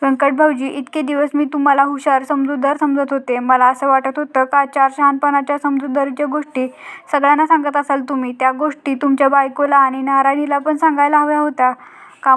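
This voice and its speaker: A woman voicing a proud, bossy elder daughter-in-law who lectures and scolds in a high, level voice. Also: flat delivery, a little fast, fairly bright tone, soft background music. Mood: stern scolding.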